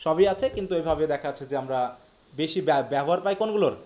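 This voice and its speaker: A man with a Bangladeshi accent teaching a live online literature class. He explains quickly, reads English passages slowly and keeps asking his students questions. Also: on the high side, a little mellow. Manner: quick Bengali explanation, slow read-aloud English quotes, frequent questions to students.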